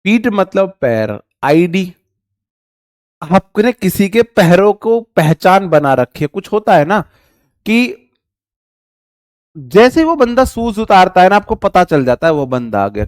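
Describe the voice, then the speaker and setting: A middle-aged male teacher runs a live vocabulary lesson, joking with his viewers and calling them brother. His voice sits a little high. The sound is dry and close, with no room around it. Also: sing-song, measured pace, no room sound.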